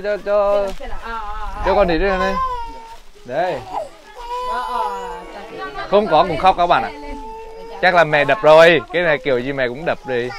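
A man with a Northern Vietnamese accent hosting a casual vlog outdoors in a village, chatting playfully and teasing as he talks to his viewers. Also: a little high. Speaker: vlog host. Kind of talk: casual handheld vlog narration. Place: outdoors in a village among children. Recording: outdoors with a crowd of children behind.

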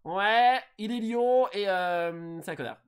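A man's voice: sits high, slow pace, clear, resonant tone. A man chatting and joking with viewers while streaming a dating game. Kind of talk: casual live-stream commentary.

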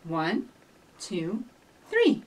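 Extremely slow and husky, this medium-pitched voice swoops wildly up and down. It belongs to a middle-aged children's librarian hosting storytime, who talks and reads aloud to young children, encouraging them directly. The room is a small indoor office with shelves, and the microphone sits at a distance.

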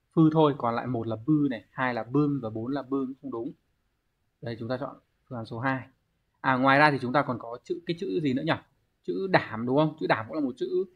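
Heard through lo-fi sound, a man at medium pitch teaches an online exam review lesson as a Japanese teacher. His explanations focus on word readings, and he checks in with students via rhetorical questions.

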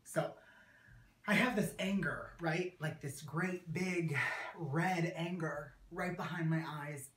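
A young man acting a dramatic monologue as a wounded, angry abused teenager, tragic and sorrowful, halting with bitter edges. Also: on the high side, a bit bright. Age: young adult. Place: small indoor room against a plain wall. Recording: roomy echo, recorded at a distance.

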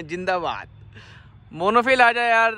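A young man vlogging casually outdoors in an open field, calling out excitedly and laughing as he talks to people around him. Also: sits high, slow. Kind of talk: casual outdoor vlog commentary.

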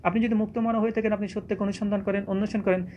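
A man's voice: high-pitched, little pitch movement, rapid-fire, a little mellow, highs cut off, slight background noise. A man giving a polemical religious lecture as a debater, arguing with rhetorical questions and quoting scripture.

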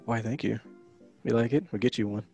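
A man's voice: medium pitch, steady tone, a little fast, creaky, mellow, faint music behind. A man hosting a casual podcast, opening with a loose comic welcome and chatting with his co-hosts. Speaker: podcast host.

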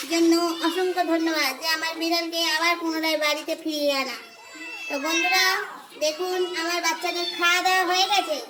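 A woman's voice: extremely high pitch, background noise. A woman vlogging at home with her cats, chatting to viewers and coaxing her pets in baby talk. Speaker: cat owner and vlogger. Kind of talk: casual pet vlog, talking to viewers and cats.

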